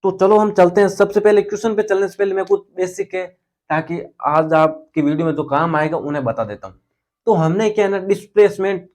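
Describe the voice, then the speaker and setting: A man's voice: high-pitched, darkish tone. A young man teaching physics in a casual, chatty lecture style, speaking terms and repeating key words for his students.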